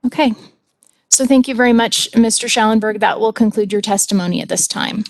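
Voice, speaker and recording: A woman's voice: a little high, a little fast, dry recording. A woman presiding as judge over a formal remote hearing, polite and procedural in her manner. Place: remote hearing by audio and video link.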